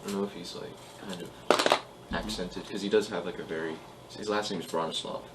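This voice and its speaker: A man playing in a tabletop game for the first time, eager and quick to react. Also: low voice, fairly even intonation, very noisy. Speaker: player. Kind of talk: casual chat at a tabletop game.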